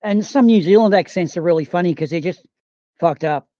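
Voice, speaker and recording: A man with a high but dark, mellow voice, teasing and laughing in a casual chat. The audio is dry and dull, like lo-fi voice chat. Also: a little fast, dry recording.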